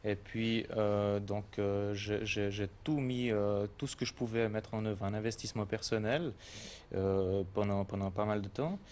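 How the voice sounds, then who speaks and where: A retired boxer speaking hesitantly and haltingly as a guest on a TV talk show. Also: male voice, lowish voice, fairly even intonation, darkish tone, slight background noise.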